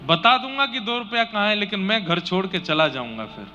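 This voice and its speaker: A man voicing a devout blind boy who speaks calmly and firmly, gently reproachful, in slightly dull audio with faint noise. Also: high-pitched, fairly quick, heavily acted.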